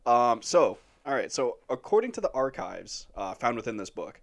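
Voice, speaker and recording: A man's voice: medium pitch, very animated, normal speed. A man hosting a casual podcast, rambling with lots of fillers and frequent laughs. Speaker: podcast host presenting the topic.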